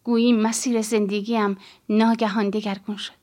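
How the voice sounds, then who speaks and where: A woman narrating an audiobook in the first person, with a calm, measured, reflective reading. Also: mid-range voice.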